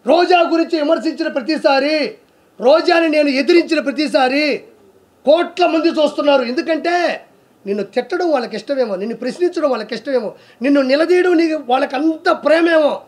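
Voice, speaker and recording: A man with a very high-pitched voice rants about politics in a sarcastic, scolding tone. He fires off rhetorical questions one after another and mocks his target as he goes. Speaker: comedian giving political commentary. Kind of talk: heated political rant.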